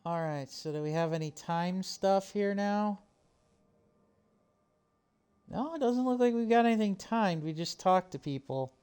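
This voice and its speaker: A man's voice: high-pitched, moderate pace, a little mellow, clean tone. A man giving casual, enthusiastic commentary as he streams a video game. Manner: enthusiastic, cheering.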